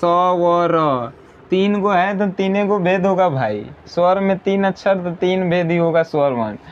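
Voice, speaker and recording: A man teaching an exam-prep grammar lesson, slowly repeating definitions and answering his own questions. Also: high-pitched, lo-fi sound.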